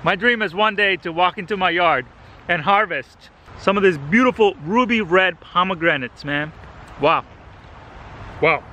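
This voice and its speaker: Out in a residential yard, a Salvadoran man in his thirties hosts a casual gardening vlog and gets excited tasting fruit. He speaks a little slowly in a high-pitched, sharp voice, and there's slight background noise. The camera is handheld at arm's length.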